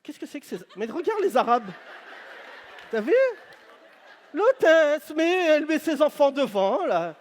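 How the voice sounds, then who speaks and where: A stand-up comedian with a strikingly high voice works the crowd, teasing people loudly. He talks into a handheld mic on a big stage. The live show carries a long reverb from the hall. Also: sing-song, measured pace, pauses often. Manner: teasing, loud banter with the audience. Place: large venue on stage.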